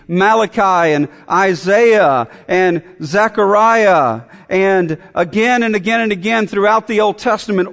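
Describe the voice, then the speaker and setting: Male preacher, high-pitched, emphatic repetition, reverberant hall. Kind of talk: sermon.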